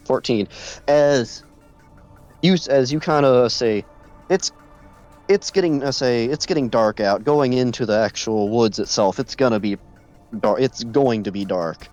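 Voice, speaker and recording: A congested man narrating as game master, halting with many restarts and fillers, who keeps clearing his throat. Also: mid-range voice, darkish tone, highs cut off, faint music behind.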